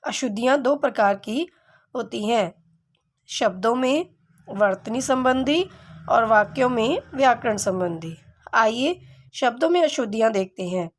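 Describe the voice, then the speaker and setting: Woman teacher going thru spelling mistakes, kinda high voice, slow and patient. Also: expressive. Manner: slow, explanatory, asks and answers own questions. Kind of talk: grammar lesson for children.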